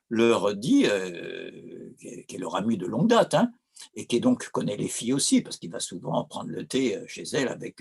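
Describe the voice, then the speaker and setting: A man's voice: mid-range voice, vocal fry, husky. A man with a Corsican accent giving an informal, digressive lecture on opera, with frequent hesitations and restarts. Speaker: philosophy lecturer.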